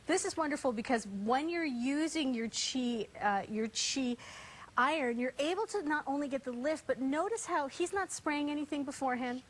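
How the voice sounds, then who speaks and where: A woman's voice: high-pitched, moderate pace. A woman hosting a home shopping show, selling in a chatty, personal way and speaking straight to viewers. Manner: chatty, personal anecdotes, addresses viewers directly. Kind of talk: home shopping host sales chat.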